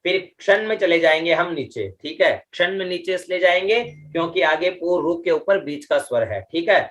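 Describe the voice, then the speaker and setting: Middle-aged male teacher, slightly high, bright voice, slow deliberate chanting delivery, patient with repeated checks. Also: expressive. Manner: slow, drawn-out chanting of mantra syllables with pitch-accent explanations; patient, repeats "ठीक है" and "है ना" often. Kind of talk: online class lesson.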